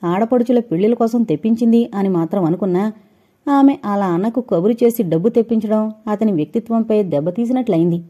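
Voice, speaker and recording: Mellow-voiced woman narrating a story. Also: mid-range voice, brisk, husky, dull audio. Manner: steady storytelling reading. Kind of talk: scripted audio novel narration.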